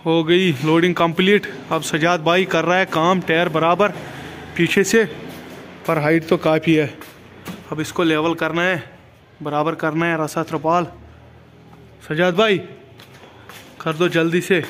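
Sounding tired, a truck driver in his twenties records a casual vlog on a handheld phone in an outdoor loading yard, chatting about his work. His voice sits on the high side, a bit bright and level in tone, at a measured pace with frequent pauses. There's slight background noise.

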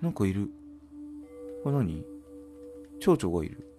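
Low-voiced, lively man commentating a game. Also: unhurried. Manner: reacts aloud and questions the screen to viewers. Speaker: gamer playing and commentating. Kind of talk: casual game commentary, reading dialogue aloud. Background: game music.

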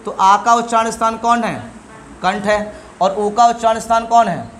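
A man's voice: high-pitched, steady tone, normal speed, a bit bright, slight background noise. A middle-aged male teacher giving a classroom lesson, asking questions and answering them himself while drilling sounds.

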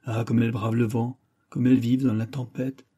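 A man's voice: medium pitch, level tone, brisk, warm tone, breathy edge, natural voice. A man voicing a fiery young Greek hero who speaks urgently and with vehemence in an audiobook.

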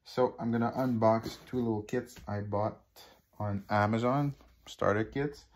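Filming on a phone over his living-room table, a Quebec-born hobby vlogger unboxes something in a casual way, with frequent fillers and restarts. His voice sits on the low side, steady in tone and measured in pace, and he speaks with the Québécois accent of a native French speaker. A faint hiss or hum runs under the recording.

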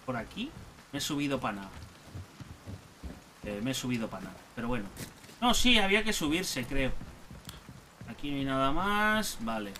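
A man's voice: mid-range voice, sing-song, moderate pace, long pauses, bright, forceful tone, slight background noise. A young man with a Spain Spanish accent giving chatty, exclamatory let's play commentary while talking to himself. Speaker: gaming YouTuber.

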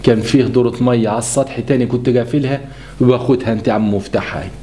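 A man's voice: medium pitch, fairly even intonation, racing, dark tone, slight background noise, pitched below the performer's own voice, natural voice. A man voicing a blunt but kindly older landlord with an Egyptian accent. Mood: gruff, kindly. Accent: Egyptian Arabic.

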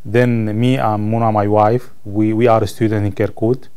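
A Sudanese man in his thirties, a native Arabic speaker, answers interview questions about his life as a college ESL student, seated on camera in an indoor room. His English is halting with a Sudanese Arabic accent, and he searches for words. His voice is lowish, dark and clean, with a flat delivery.

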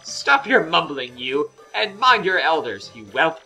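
A man voicing a cranky old female elder creature in a gruff, lecturing old-person voice. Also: fairly high pitch, big pitch swings, unhurried, bright, forceful tone, soft background music, exaggerated voice. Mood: scolding.

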